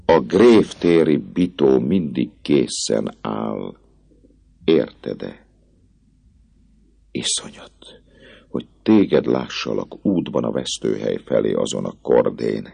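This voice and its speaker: A tormented, obsessive priest pleading feverishly in an audiobook, as a man plays him. The voice is very deep and gravelly, with a husky grain. Lively swings in pitch carry his desperation. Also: exaggerated voice. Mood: desperate. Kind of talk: audiobook reading.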